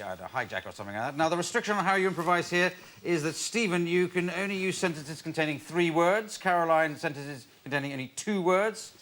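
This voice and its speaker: A man's voice: on the high side, a bit bright. A man hosting a comedy game show, unscripted, hesitating and repeating phrases as he presents. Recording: live studio with crowd and noise.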